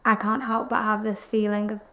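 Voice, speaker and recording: Actress doing sad young woman in fake doc interview, flat tone, lots of fry, subdued. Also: medium pitch, fairly quick, natural voice. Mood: subdued, resigned. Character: grieving young woman, childhood friend of missing girl. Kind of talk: naturalistic mock-documentary interview.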